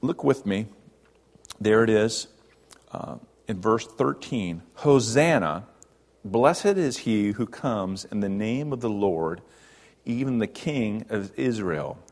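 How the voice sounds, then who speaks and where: A man preaching a sermon in a conversational teaching style, at times lifting his voice for emphasis and at times dropping it low. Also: expressive, slow, a little mellow. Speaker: pastor.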